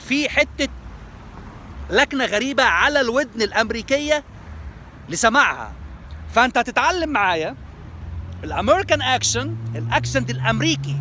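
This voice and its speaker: A man's voice: very high-pitched, bright, forceful tone, slight background noise. An Egyptian man with an Egyptian Arabic accent teaching language skills, explaining terms and repeating them in Arabic and English. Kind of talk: lesson promo, switching between Arabic and English.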